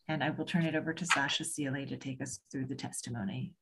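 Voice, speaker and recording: A woman chairing a public hearing, calm and procedural as she takes questions and moves the agenda along. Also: extremely low pitch, quick pace, creaky, noisy background. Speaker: commission chair.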